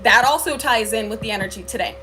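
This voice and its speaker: On a livestream, a spiritual reader tells her viewers a spiritual story earnestly, full of "like" and "um." Her slightly high voice is bright and forceful, she talks fast, and faint music plays behind her.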